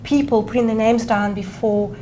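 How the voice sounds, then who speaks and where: A woman answering interview questions as a retail guest, measured and often hesitating with fillers. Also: on the high side, fairly even intonation, warm tone, rough recording. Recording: noticeable background noise.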